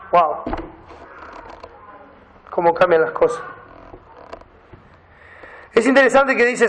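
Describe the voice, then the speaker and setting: High-voiced pastor preaching in an echoey hall. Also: male voice. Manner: preaching, reads scripture aloud and explains Greek words. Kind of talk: sermon. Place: church.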